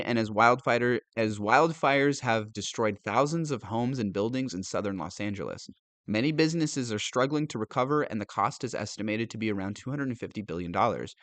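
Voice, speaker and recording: A man's voice: medium pitch, a bit bright, no echo. A male commentator reading news aloud and reacting with sarcastic disbelief, laughing often and stumbling over words.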